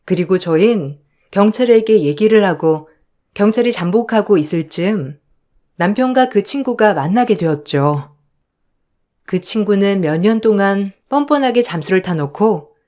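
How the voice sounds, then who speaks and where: Brief: woman storyteller, mid pitch, even first-person narration with indignant tone. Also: a little slow. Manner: steady, indignant retelling.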